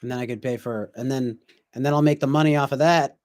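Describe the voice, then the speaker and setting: A man's voice: mid-range voice, fast talker, darkish tone, dry recording, clean studio sound. A man in his twenties chatting casually on a stream, reflective and rambling, with many fillers and restarts. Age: 20s. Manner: reads viewer comments aloud. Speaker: livestream host.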